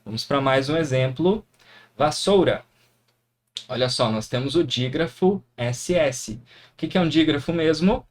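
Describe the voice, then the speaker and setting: A man's voice: a little high, expressive, measured pace. A man with a Brazilian Portuguese accent teaching a grammar lesson, encouraging and often checking in with his students. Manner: encouraging, frequent tag questions. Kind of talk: classroom lesson explaining grammar.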